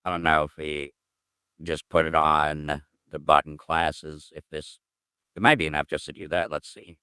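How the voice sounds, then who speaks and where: With an extremely deep, smooth and resonant voice, a programmer streaming his code work mutters, hums and trails off as he casually thinks aloud. His pitch barely moves, his pace is moderate, and his tone is bright and forceful. The sound is dry and close, free of room echo.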